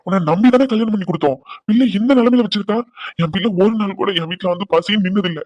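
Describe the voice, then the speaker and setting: A man's voice: sits high, very fast, a little mellow, dry recording. A man voicing a protective older cartoon father who soothes his daughter and scolds her husband. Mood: angry. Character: protective older father, fierce toward his son-in-law.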